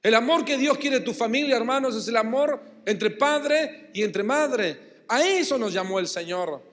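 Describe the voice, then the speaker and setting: A pastor from Argentina with a Rioplatense Spanish accent, preaching emphatically and having the congregation repeat and answer. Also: male voice, extremely high pitch, expressive, normal speed, a bit bright. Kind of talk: sermon. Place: church hall. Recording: long church-hall reverb.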